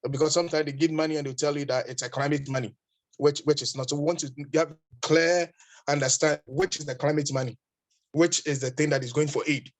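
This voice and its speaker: Earnest man with halting repetitions. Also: fairly high pitch, fairly even intonation. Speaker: panelist. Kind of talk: online panel discussion.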